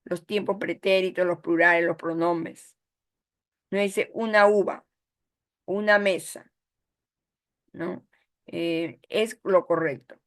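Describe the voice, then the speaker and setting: Speaking slowly and pausing often, a woman course instructor gives an online lecture in a Peruvian Spanish accent. Her voice is lowish with fairly even intonation, and her explanatory manner includes frequent "¿ya?" and "¿no?" checks.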